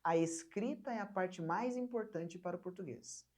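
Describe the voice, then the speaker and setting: Patient Brazilian teacher woman, mellow voice. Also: on the low side. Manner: patient, repeats words slowly for learners to copy. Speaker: English teacher. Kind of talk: online language lesson.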